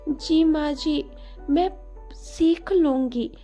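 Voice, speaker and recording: A woman's voice: very high voice, takes it slowly, darkish tone, soft background music, voice pushed up. A woman voicing a frightened, tearful teenage village girl who pleads to keep studying. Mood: pleading. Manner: trembling, pleading.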